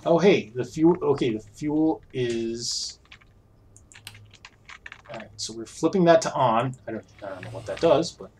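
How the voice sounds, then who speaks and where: A man's voice: medium pitch, animated, measured pace, darkish tone, a little hiss or hum. A man streaming a puzzle game, thinking aloud in a chatty, unsure way as he works things out. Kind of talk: casual let's-play commentary.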